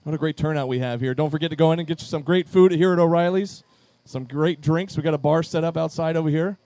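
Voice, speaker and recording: Upbeat high-voiced male event emcee. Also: fast, warm tone, no echo. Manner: upbeat, calling names to chairs. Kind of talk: live event announcing. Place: charity event at a pub.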